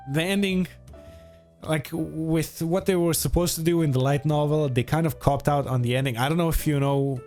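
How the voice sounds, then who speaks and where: A man in his twenties speaks with a Croatian accent at an ordinary male pitch. He chats informally like a livestreamer answering questions, opinionated and animated in his wording, with music playing behind him. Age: 20s. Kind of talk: casual livestream chat answering viewer questions.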